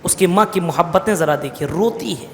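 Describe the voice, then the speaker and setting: Male mosque preacher, higher voice, long hall reverb; slow verse recitation, plain-spoken explanation. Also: a bit bright, slight background noise. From India. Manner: explains verses, recites Arabic slowly then paraphrases; addresses listeners as brothers. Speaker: Islamic preacher. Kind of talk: Quran commentary sermon.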